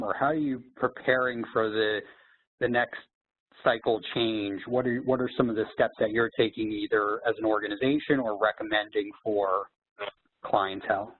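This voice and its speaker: A male host on a tinny line. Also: mid-range voice. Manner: asks long questions with restarts. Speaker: podcast host. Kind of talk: podcast interview. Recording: tinny phone line with faint noise.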